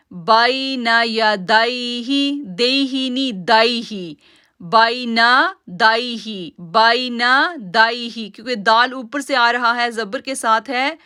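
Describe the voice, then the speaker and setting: A woman teaching recitation rules, her voice bright and crisp, set a little high. She stretches each word out slowly as she demonstrates it, then explains the rule in a calm, measured way. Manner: addresses listeners as sisters. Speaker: tajweed teacher. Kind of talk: online Quran recitation lesson.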